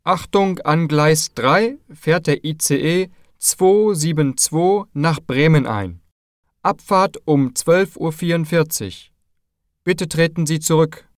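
Slow, formal male station announcer. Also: fairly high pitch, dry recording, studio quality. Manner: formal, measured announcer delivery. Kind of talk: scripted train station announcements.

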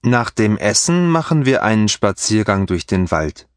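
A man reading scripted textbook dialogue for a language course with slow, careful enunciation. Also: fairly low pitch, very animated, no echo, clean studio sound.

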